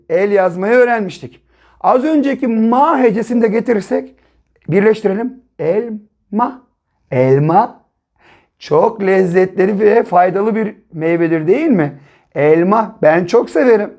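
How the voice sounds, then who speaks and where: A man teaching young children to read and write, explaining slowly step by step, repeating syllables and often checking with them. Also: sits high, a little mellow. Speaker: primary school teacher. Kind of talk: early reading and writing lesson for children.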